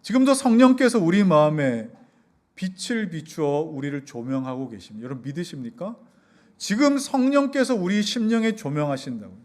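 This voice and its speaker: Animated, high-voiced male pastor preaching. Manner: animated preaching with rhetorical questions to the congregation. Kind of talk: expository sermon. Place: church hall in a basement.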